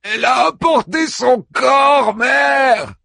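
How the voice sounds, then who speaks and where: A man playing a grief-stricken, furious young warrior hero who cries out and pleads, often shouting. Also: high voice, lively intonation, measured pace, breathy edge, no echo, pitched above the performer's own voice, heavily acted. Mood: anguished.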